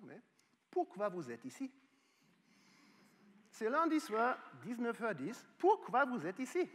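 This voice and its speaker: A middle-aged psychology professor who is not a native speaker, giving an animated public lecture and asking the audience rhetorical questions. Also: male voice, fairly high pitch. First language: not French. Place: lecture hall. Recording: reverberant lecture hall.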